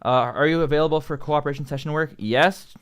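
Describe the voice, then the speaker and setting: This young man's voice sits on the high side, smooth and fairly even in intonation, and he talks at a quick clip with a Canadian accent. As a singer and channel host commenting casually on a livestream, he rambles about his vocal progress with plenty of fillers such as "like" and "um."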